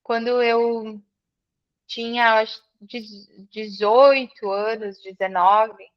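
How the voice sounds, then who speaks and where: In a reflective conversation, a woman from Serra Gaúcha in Rio Grande do Sul, Brazil, speaks as an interview guest and business mentee with a gaúcho accent, repeating phrases for emphasis. Her voice is on the high side, slow, and fairly even in intonation, with lo-fi sound.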